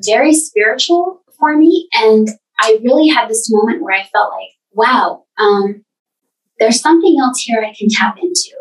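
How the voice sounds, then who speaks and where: A woman guest telling her personal story earnestly, with halting restarts. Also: fairly high pitch, expressive, far from the mic, rough recording. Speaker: podcast guest.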